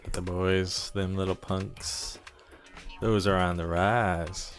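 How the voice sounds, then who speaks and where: A man doing a shady smuggler boss in a rough drawl. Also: low-pitched, steady tone, slow pace, soft background music. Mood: scheming. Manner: reads the dialogue aloud in a put-on rough drawl. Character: shady male smuggler gang boss, cocky and scheming.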